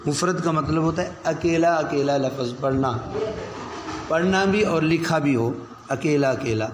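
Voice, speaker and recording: Guy teaching kids their letters, slow stretched-out sounds, slightly high voice, bit of hiss behind. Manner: slow, drawn-out letter sounds for children to repeat. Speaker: Quran reading teacher. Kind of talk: call-and-response phonics lesson.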